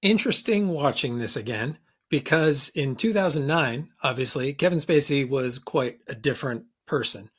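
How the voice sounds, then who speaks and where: A man's voice: medium pitch, lively intonation, moderate pace, a bit bright, husky. A man as a guest on a podcast in casual chat, thoughtful and hedging, often restarting his sentences.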